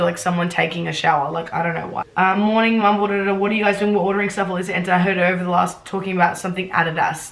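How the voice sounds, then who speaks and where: A woman's voice: fairly low pitch, fairly bright tone, poor audio. A young woman reads her old fan fiction aloud and reacts, cringing, swearing and mocking her own writing. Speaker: vlogger.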